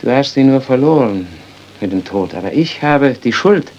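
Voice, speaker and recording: A man's voice: mid-range voice, lively intonation, normal speed, darkish tone, a little hiss or hum, lightly acted. An actor playing a guilt-haunted male doctor, intense and brooding, in 1930s radio-drama acting. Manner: intense, brooding, rising to outbursts. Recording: dull 1930s radio recording.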